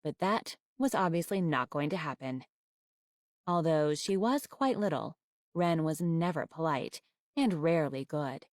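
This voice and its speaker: A woman reading a children's novel aloud with expressive, wry storytelling. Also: low voice, measured pace, no room sound, clean studio sound.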